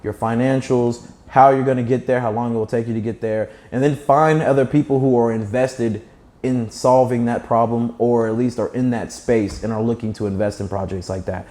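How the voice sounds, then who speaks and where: This young startup founder, speaking as a guest, has a mellow, steady mid-range voice at a moderate pace and a slight lisp. His talk is lively conversational storytelling and advice, delivered fluently and with emphasis.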